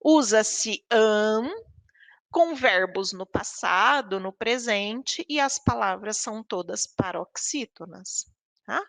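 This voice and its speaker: A woman from Brazil giving an online training lecture to teachers. She explains patiently, reads out word lists slowly and keeps checking in with her listeners. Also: medium pitch, animated, vocal fry, fairly bright tone, no room sound.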